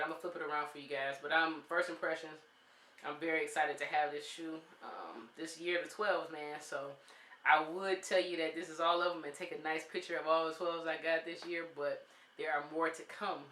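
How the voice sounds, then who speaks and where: A man gives a casual sneaker review, speaking straight to his viewers as "you guys." He's laid-back and uses many "um" fillers, and his voice is fairly high with a sharp tone.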